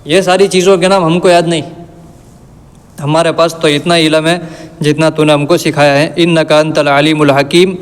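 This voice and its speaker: A man giving a religious lesson, reciting verses slowly and then explaining them in plain everyday words. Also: on the high side, little pitch movement. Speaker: Quran teacher. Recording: long reverb.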